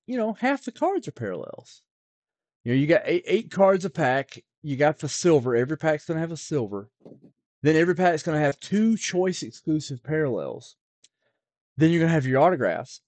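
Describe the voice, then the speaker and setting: His mid-range voice is slightly mellow, captured in a dry recording. The man, a card-expert podcast co-host, chats casually about collectibles in a rambling way, frequently restarting and using fillers to fill gaps.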